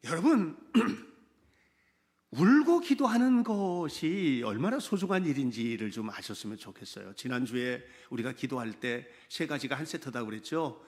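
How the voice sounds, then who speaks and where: Speaking at normal speed in a mid-range voice, a man preaches a Sunday sermon as pastor. He is animated and conversational, often putting direct questions to the congregation.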